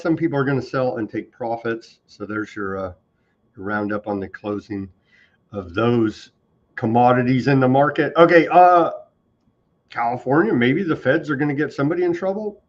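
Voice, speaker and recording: A man's voice: mid-range voice, muffled recording. A man hosting a news talk show, reading headlines and adding wry asides. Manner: reads headlines, then adds wry asides.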